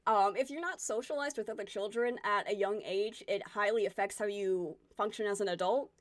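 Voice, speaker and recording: A woman's voice: medium pitch, a little fast, dry recording. A woman in her twenties chatting casually with her stream viewers, candid and rambling as she reflects and reacts to comments. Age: 20s.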